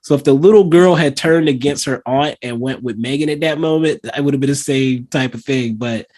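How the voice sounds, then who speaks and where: A man hosting a casual movie review podcast, chatting loosely with lots of fillers and acting out scenes in lively voices. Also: mid-range voice, a little fast. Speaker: podcast host.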